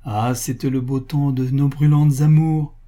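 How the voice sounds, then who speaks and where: A man's voice: mid-range voice, expressive, a little slow, warm tone, slightly rough. A man voicing a passionate, adoring husband who speaks with ardent exclamations.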